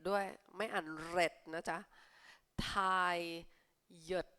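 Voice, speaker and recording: A young woman tutoring children for an English exam, reading English lines slowly and explaining them in a friendly, teacherly way. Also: fairly low pitch, fairly even intonation, clean tone. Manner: friendly teacherly tone, ends with polite particles. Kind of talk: exam answer walkthrough for young pupils.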